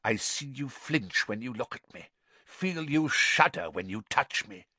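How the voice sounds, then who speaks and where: A cold, imperious male dark lord, hissing and breathy. He is frail yet full of menace, his husky voice swinging widely between soft contempt and sharp command. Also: mid-range voice, animated, a little slow, dry recording, exaggerated voice. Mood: accusing. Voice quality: breathy, hissing near-whisper.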